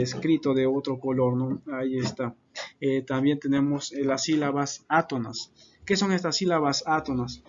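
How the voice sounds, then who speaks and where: A man's voice: mid-range voice, highs cut off. A man giving an unscripted class presentation, hesitant, with many fillers and self-corrections. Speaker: student presenter.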